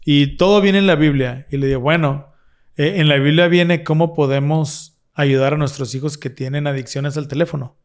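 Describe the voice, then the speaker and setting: A man's voice: on the high side, steady tone, moderate pace. A man co-hosting a casual religious discussion, explaining earnestly and restarting his phrases often. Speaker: podcast co-host.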